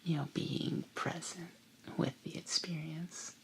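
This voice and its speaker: A woman gently whispering an ASMR bedtime talk close to the ear, in a breathy, hushed, soothing and unhurried way. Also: sits low, fairly even intonation, poor audio. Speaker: ASMR creator and host.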